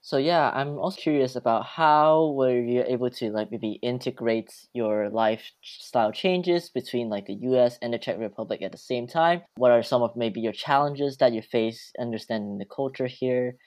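A man's voice: mid-range voice, normal speed, few pauses, darkish tone. A man from Hong Kong hosting a podcast, asking questions in a curious, casual way with "like" and "maybe" sprinkled in. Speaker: podcast host.

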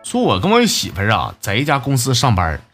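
A man's voice: medium pitch, huge pitch swings, quick pace, over music. A man hosting a comedy show, reading listener messages aloud and joking with laughs at his own punchlines. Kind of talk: comic radio-style monologue.

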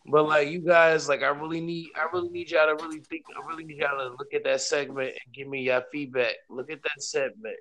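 A man's voice: fairly high pitch, steady tone, a little fast, few pauses, fairly bright tone, slight background noise. A man hosting a casual podcast, speaking loosely and repetitively and addressing listeners directly. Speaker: podcast host. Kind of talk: casual chat.

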